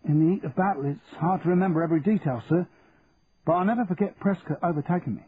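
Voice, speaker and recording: A man's voice: on the high side, fast talker, slightly rough, voice pushed up. A man voicing an earnest, honest young lance corporal who talks plainly and respectfully. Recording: tinny phone-like, faint hiss.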